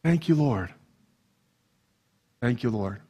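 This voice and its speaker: A man with a Canadian accent preaching a lively sermon in a church hall, playful and energetic as he talks straight to the congregation. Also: medium pitch, slow, husky. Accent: Canadian English. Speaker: pastor.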